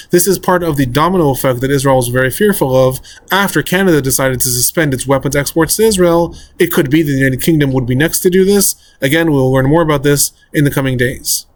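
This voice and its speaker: A middle-aged man presenting a daily news analysis, reading out quotes and explaining what they imply in a measured way. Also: on the high side. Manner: measured, reads quotes aloud, explains implications. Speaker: political science fellow presenting a daily news report.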